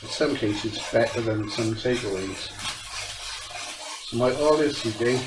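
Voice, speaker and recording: The man's voice is mid-range and unhurried, heard with a roomy sound over a noisy background in his home kitchen. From South Wales with a Welsh accent, he runs a home cooking channel and chats casually as he cooks, blocked-nosed from a cold, his sentences rising at the end.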